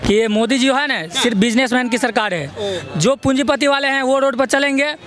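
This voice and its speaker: A man with a very high-pitched voice argues politics on a street. A crowd is clearly heard around him. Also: normal speed. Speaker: member of the public in a street debate. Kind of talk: political argument.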